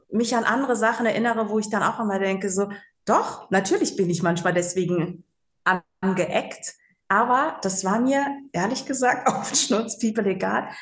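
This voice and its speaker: Chatty woman in her forties, roomy sound. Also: a little high. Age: 40s. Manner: chatty storyteller, many fillers, laughs easily. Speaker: interview guest, psychological counselor. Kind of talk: casual interview chat. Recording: roomy echo.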